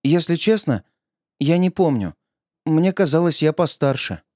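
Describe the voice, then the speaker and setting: A man voicing a dazed, submissive young man in a flat, meek tone. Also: on the high side, a little slow, dry recording, studio quality.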